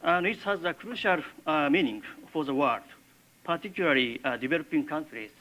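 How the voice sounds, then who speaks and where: An older man with a Japanese accent gives a university lecture in halting English, with many filler pauses. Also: a little high, a bit bright, rough recording. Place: lecture classroom.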